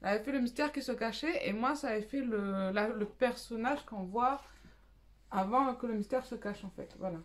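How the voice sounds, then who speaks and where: A woman's voice: fairly high pitch, normal speed. A young woman hosting a coloring channel, chatting casually at home, rambling with many fillers and restarts. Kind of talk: casual chat, showing coloring purchases.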